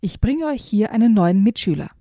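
A woman's voice: mid-range voice, very animated, brisk, mellow, no room sound, clean studio sound. Woman doing a formal pig headmaster. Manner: formal, addressing a class.

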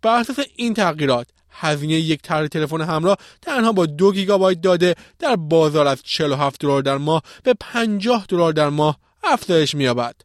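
Higher-voiced man reading news, dry sound. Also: expressive, hardly any pauses, dry recording. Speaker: podcast news presenter.

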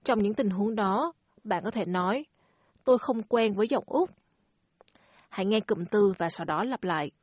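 A woman's voice: medium pitch, lively intonation, normal speed, long pauses, a little mellow, breathy edge, no echo, studio quality. A woman hosting a language lesson, speaking in a friendly, encouraging teacher tone. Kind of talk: scripted lesson narration.

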